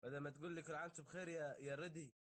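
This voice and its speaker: A man's voice: on the high side, steady tone, very fast, slight background noise. A man with a Levantine Arabic accent bantering casually on a live stream in an exasperated, scolding, joking way.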